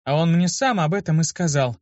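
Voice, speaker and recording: Brief: a man doing a fiery young woman healer, raised and sharp, in a dull lo-fi recording. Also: a little high, animated, brisk, no echo, pitched above the performer's own voice, close to an everyday voice. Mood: furious. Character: young woman healer, hot-tempered, accusing.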